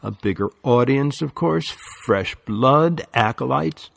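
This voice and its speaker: A man's voice: mid-range voice, lively intonation, takes it slowly, vocal fry, voice pushed up, exaggerated voice. A man reading an audiobook, voicing a smug, scheming teenage boy who teases with a patronizing drawl. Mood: teasing.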